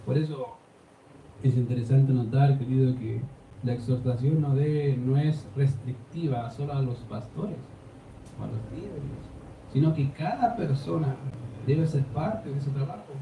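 A man's voice: medium pitch, unhurried, mellow. A male pastor with a Chilean accent preaching a sermon, speaking directly and pressing his point with rhetorical questions. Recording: echoey room from a distance, faint noise.

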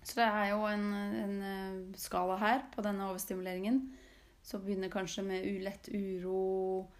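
A woman's voice: medium pitch, little pitch movement. A woman host talking casually to her listeners, reflective and often searching for words with fillers and restarts. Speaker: host speaking about sensitivity. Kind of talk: casual spoken talk to listeners.

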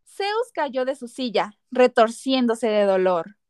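A woman's voice: fairly high pitch, big pitch swings, slow pace, darkish tone, clean tone, no room sound, clean studio sound. A woman narrating a scripted story dramatically as a podcast narrator.

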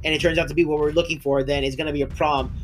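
In a slightly high, steady voice delivered very fast, a male co-host rambles through a casual podcast recap of a show's episode. He laughs, restarts, sometimes coughs or has his voice break, and there's a little hiss or hum.

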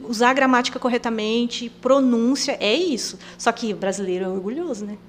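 Guest woman, inland São Paulo caipira accent, high voice, animated storyteller who plays out the dialogue she quotes. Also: a little fast. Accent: inland São Paulo, rolled caipira R. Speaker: missionary guest. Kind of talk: podcast interview conversation.

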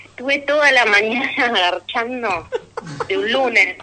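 Her voice is a little high and sharp, and she takes her time, though the rough recording carries some hiss or hum. A comedian speaking Rioplatense Argentine Spanish, she does a radio stand-up set full of stories and audience asides, laughing at her punchlines.

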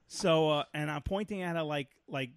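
A middle-aged man on a podcast, telling a story in a loud, profane rant and acting out the quotes. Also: fairly high pitch, unhurried, no room sound, studio quality. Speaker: podcast co-host. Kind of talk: casual chat, storytelling.

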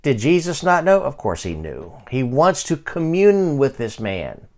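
A man in his fifties preaching a sermon, reading scripture slowly and moving from quiet asides to loud calls to pray. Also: mid-range voice, very animated. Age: 50s. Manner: reads scripture slowly and deliberately. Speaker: pastor.

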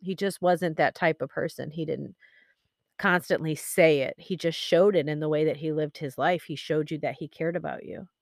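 Grieving woman, low and candid. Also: creaky, dry recording, studio quality. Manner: candid, halting with many pauses and fillers. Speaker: podcast host. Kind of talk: personal reflective monologue.

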